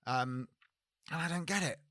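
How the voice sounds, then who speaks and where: A man's voice: a little high, moderate pace, pushed and bright, no echo, studio quality. A man co-hosting a podcast in casual chat, with a blunt, sweary way of talking. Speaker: podcast co-host.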